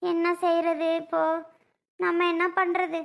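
Someone doing a fussy worried mom, talk, super high and bright, rambles on and on. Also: completely flat delivery, a little slow, creaky, exaggerated voice. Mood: apologetic. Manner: talkative, fretful, scolding. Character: chatty worried middle-aged mother. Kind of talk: family skit acting.

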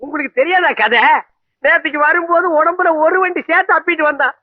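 A fussy, gossipy man with a very high, strained voice who chatters and dramatizes. Dry, dull lo-fi film sound. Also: fast talker, no room sound. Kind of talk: Tamil film comedy acting.

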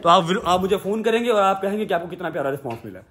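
A man's voice: high-pitched, lively intonation, rapid-fire. Teasing man. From Pakistan. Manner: warm, teasing, emphatic. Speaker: vlogger. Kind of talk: casual family vlog talk.

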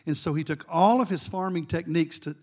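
A man's voice: on the high side, a little fast, a little mellow. A middle-aged man giving a sermon as guest preacher, telling a story with asides to the congregation.

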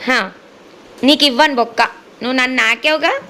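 A woman's voice: high-pitched, normal speed, bright, forceful tone, slight background noise, poor audio. A woman, playfully teasing and baby-talking to her dogs in a sing-song, coaxing way. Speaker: dog owner vlogger.

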